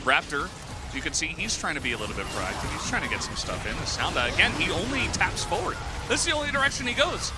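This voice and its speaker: A man's voice: fairly high pitch, fast talker. A man calling esports play-by-play, joking with his co-caster and rising with the action. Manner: lively, jokey, rises with the action. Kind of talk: play-by-play commentary. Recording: music bed under commentary.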